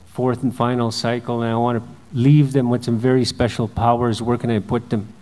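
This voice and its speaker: A man voicing the male Creator spirit in a told legend, speaking with a measured storytelling cadence. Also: mid-range voice, little pitch movement, warm tone, close to an everyday voice. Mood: solemn. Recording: long hall reverb.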